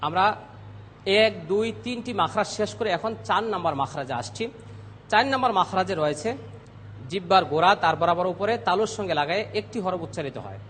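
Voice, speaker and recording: A man teaching Arabic letter pronunciation on a TV lesson, speaking slowly and repeating each sound loudly for students. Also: sits high, long reverb tail, a little hiss or hum. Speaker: Quran recitation teacher. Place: TV studio.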